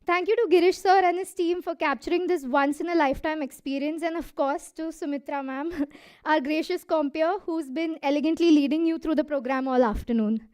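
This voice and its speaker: A woman's voice: sits high, fairly quick, a little mellow. A young woman in her twenties with an Indian English accent giving a prepared thank-you speech on a hall stage, out of breath and earnest. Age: 20s. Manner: earnest, laughs between lines.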